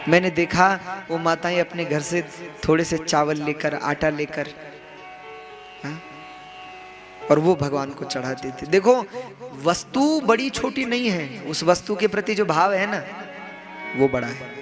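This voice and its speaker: This young kathavachak tells a devotional story as a katha sermon, his voice fairly high and his intonation lively. He takes his time, leaving long pauses, poses rhetorical questions, and refers to listeners as "bhaiya," while instrumental devotional music hums plainly underneath.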